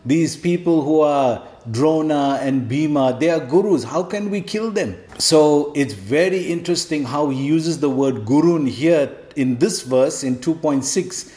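A man delivers a devotional scripture lecture in a slightly higher voice, recorded in an echoey room. He explains patiently and keeps asking rhetorical questions, dropping a questioning "hmm?" to check that listeners follow. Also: unhurried, hardly any pauses, warm tone. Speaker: scripture teacher.

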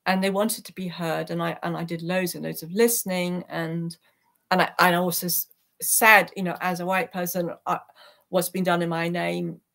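Appearing as a guest on a video call, a woman who is a peace activist gives an earnest, heartfelt, reflective personal account from a small attic room at home. Her voice is on the low side, creaky, and fairly bright, with a flat delivery at normal speed, picked up by her computer microphone.

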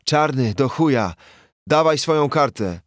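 A man voicing a gruff, worn-out police commissioner in his late forties who barks and curses in angry outbursts. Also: fairly low pitch, animated, a little slow, no room sound, studio quality. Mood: furious. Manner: barking, cursing outbursts.

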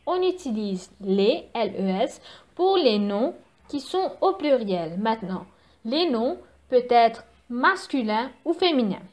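A woman's voice: fairly high pitch, very animated, slow pace. A woman teacher giving a recorded grammar lesson for children, patiently spelling out letters and repeating each rule. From Mauritius.

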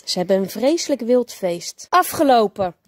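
A woman teacher reading a bedtime story aloud to a child, gentle and expressive. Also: a little high, slow pace.

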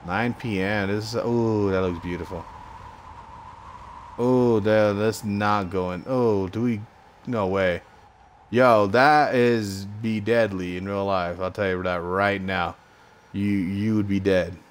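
American man, lowish voice, slow pace, slangy casual gameplay commentary, thinking aloud, some noise behind. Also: fairly even intonation. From United States. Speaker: gamer recording gameplay commentary.

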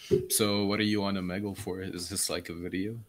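A man's voice: low-pitched, level tone, fast talker. A young man from Palestine chatting on a video call, friendly and curious. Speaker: video chat stranger. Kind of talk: casual chat.

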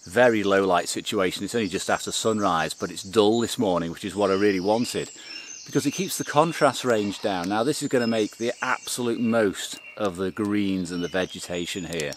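A middle-aged man talking to camera in a forest, calmly explaining his photography gear step by step. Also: fairly low pitch, normal speed, slight background noise. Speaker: photography vlogger. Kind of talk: casual explanatory talk to camera. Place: outdoors in a green forest.

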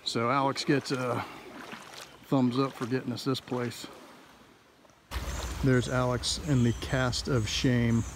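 A man's voice: mid-range voice, little pitch movement, slow pace, long pauses, noisy background. A middle-aged man narrating a road-trip vlog outdoors, chatting to the camera and pointing things out. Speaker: vlogger. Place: outdoors by a river, then a car and a parking lot.

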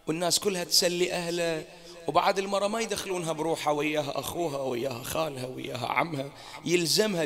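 A man with a Bahraini Arabic accent preaching a Muharram mourning sermon, swinging from hushed, drawn-out lines to loud, rising appeals. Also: fairly high pitch. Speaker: mulla preacher. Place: mourning hall.

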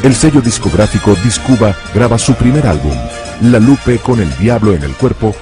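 Male narrator, scripted documentary, measured, low pitch. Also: animated, over music.

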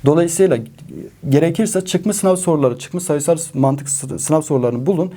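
A man's voice: on the high side, normal speed, warm tone. A male math teacher giving emphatic exam-prep advice to students, repeating key points and speaking with a regional dialect.

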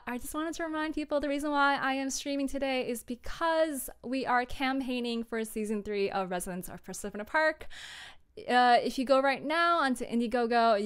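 Giggling and poking fun at herself, a young adult streamer who makes audio dramas shares tips in a casual livestream chat. She is indoors in a small home room, and her voice is high with a clean tone.

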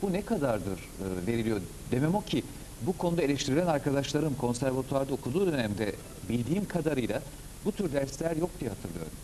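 Fast-talking mellow male TV host. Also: mid-range voice, sing-song, a little hiss or hum, rough recording. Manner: quick, rambling questions with frequent agreeing fillers. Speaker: TV show host. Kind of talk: studio TV interview. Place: TV studio. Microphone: lapel mic.

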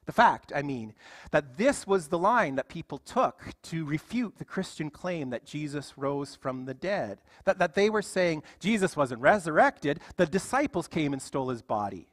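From a church stage set with music stands, a pastor in his thirties preaches a sermon packed with rhetorical questions. His fairly high voice is very animated and emphatic, moving at normal speed with no echo.

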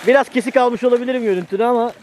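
A man's voice: very high-pitched, rapid-fire, a little mellow, slight background noise. A man hosting a casual vlog outdoors, chatting and commenting in a teasing, joking way. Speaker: vlog host and interviewer.

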